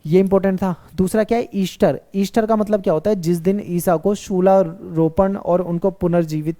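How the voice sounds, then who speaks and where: A man's voice: high voice, fairly even intonation, moderate pace, mellow. A male teacher giving an exam-focused history lecture, who asks questions, answers them himself and repeats key points.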